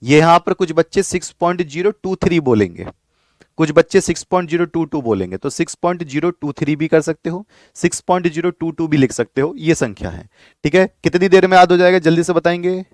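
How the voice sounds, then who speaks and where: A man's voice: fairly high pitch, lively intonation, fairly quick, no room sound. A man teaching a live online chemistry class, explaining patiently, repeating key points and asking his students to reply.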